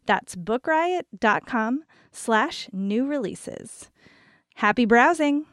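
A woman's voice: a little high, animated, slow pace, fairly bright tone, no echo, clean studio sound. A woman announcer giving a scripted promotional read.

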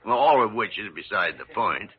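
An actor playing a crusty, blunt older male doctor in classic radio drama, gruff, sardonic and impatient. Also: fairly low pitch, lively intonation, normal speed, natural voice. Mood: irritable, sardonic. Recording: dull vintage radio recording.

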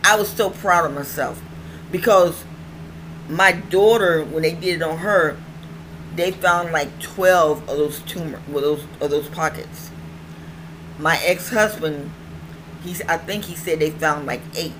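A middle-aged, toothless woman hosts her own online show, speaking with slightly slurred speech in a low, a little slow, somewhat bright voice. She chats casually and ramblingly in vlog style, often repeating phrases for emphasis. The home recording is clearly noisy.

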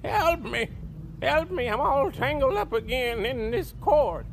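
A man's voice: very high-pitched, lively intonation, a little slow, fairly bright tone, slight background noise, voice pushed up, exaggerated voice. A man voicing a feeble, helpless old grandmother in a comic put-on voice, plaintive and pleading.

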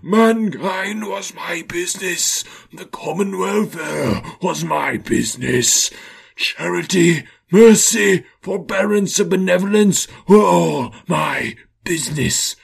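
A tormented ghost bound in chains wails and moans in a high, gravelly, breathy voice. He drags every word out slowly, heavy with remorse. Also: exaggerated voice. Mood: lamenting. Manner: slow anguished wailing declamation.

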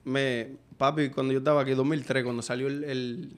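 A man with a Dominican accent, co-hosting a casual chat and telling family stories with lively impressions of his parents. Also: mid-range voice, a little fast. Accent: Dominican Spanish. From Dominican Republic. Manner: animated storyteller, acts out his parents' lines. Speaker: podcast co-host.

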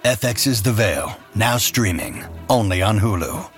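Low-voiced man reading a promo over music. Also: lively intonation, a little slow, a bit bright. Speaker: ad announcer. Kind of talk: scripted commercial read.

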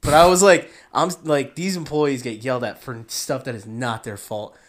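A man's voice: medium pitch, moderate pace. Casual young man telling a story. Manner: animated storyteller, acts out the people he quotes. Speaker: podcast co-host.

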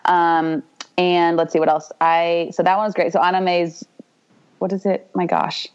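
Woman about thirty cohosting a podcast, rambly and chatty, lowish voice, dull lo-fi audio. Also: level tone, normal speed, clean tone. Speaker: podcast co-host. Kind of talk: casual chat.

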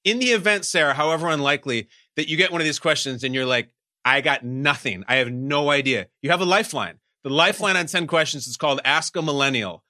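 A man's voice: on the high side, expressive, fast talker, few pauses, pushed and bright, no echo, clean studio sound. A man hosting a podcast quiz with emphatic, mock-dramatic showman banter. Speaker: podcast game show host. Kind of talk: high-energy game show hosting banter.

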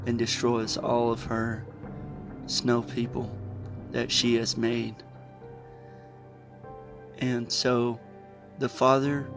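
Male podcast presenter, unhurried introduction in short broken phrases over a music bed. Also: mid-range voice. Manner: halting delivery with long pauses. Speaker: podcast host.

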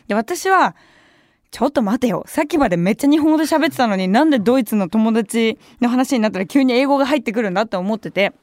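A woman's voice: fairly high pitch, expressive, fast talker, darkish tone, dry recording. A young adult woman hosting a radio show, telling a story in a chatty way with wry asides from a studio microphone. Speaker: radio host. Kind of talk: casual radio talk.

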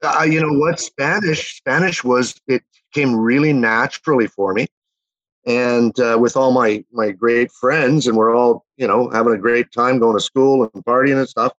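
A man's voice: medium pitch, normal speed, a bit bright, dry recording. Canadian man, fifties, rambling storyteller, fillers and restarts, dull dry recording. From Winnipeg, Manitoba, Canada. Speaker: interview guest. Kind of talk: casual chat, reminiscing.

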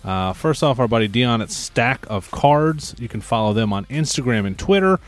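A man's voice: medium pitch, expressive, moderate pace, soft background music. A man hosting a podcast, chatty and upbeat, with many filler words, speaking from a podcast studio. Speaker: podcast host.

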